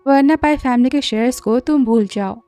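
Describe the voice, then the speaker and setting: A woman's voice: sits high, moderate pace, dark tone, clean tone, dry recording, faint music behind, close to an everyday voice. A woman voicing a bossy, short-tempered rich mother-in-law, speaking in a scolding, commanding way.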